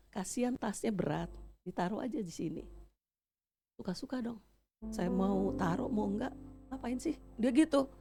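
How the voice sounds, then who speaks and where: Woman pastor, animated storytelling sermon, music playing behind. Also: fairly low pitch. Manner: animated storyteller acting out quoted dialogue. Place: church.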